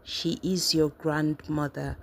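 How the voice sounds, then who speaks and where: A woman voicing a calm older brother who speaks gently and softly. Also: sits low, takes it slowly, slight background noise. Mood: gentle. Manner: gentle, soft-spoken.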